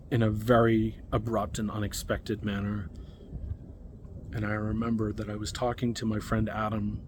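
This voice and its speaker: Male, 30s, low pitch, reflective halting storyteller. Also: noisy background. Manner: reflective, halting, many fillers. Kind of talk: personal storytelling monologue.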